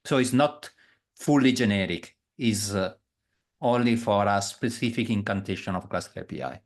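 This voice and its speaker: A man's voice: fairly low pitch, lively intonation, normal speed. A man on a video call, a project maintainer discussing a technical proposal with hesitant, self-correcting phrasing. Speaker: project maintainer in an online meeting.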